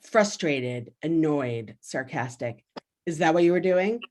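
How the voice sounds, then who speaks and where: A woman facilitating a workshop over a video call, energetic, often checking in with "right?". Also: deep voice, unhurried. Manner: energetic, frequently asks "right?".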